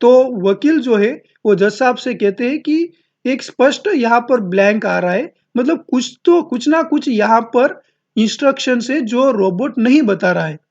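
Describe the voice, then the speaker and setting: A male teacher who talks very slowly and takes his time over every word. He reads English lines at a crawl and then explains each phrase in plain terms. The recording is dull and lo-fi. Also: extremely high pitch, animated, darkish tone. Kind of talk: explaining an English text in Hindi. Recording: dull lo-fi audio.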